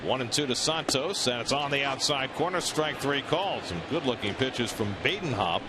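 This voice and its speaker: Guy calling baseball play by play, mid voice, loud ballpark noise behind him. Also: mid-range voice, expressive, moderate pace. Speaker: play-by-play announcer. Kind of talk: live baseball commentary. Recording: loud stadium ambience behind. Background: outdoor ballpark noise.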